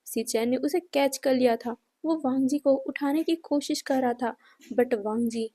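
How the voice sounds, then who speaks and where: A woman narrating a fanfiction story with emotive, repetitive retelling. Her voice is high and warm, soft at the edges. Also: a little slow.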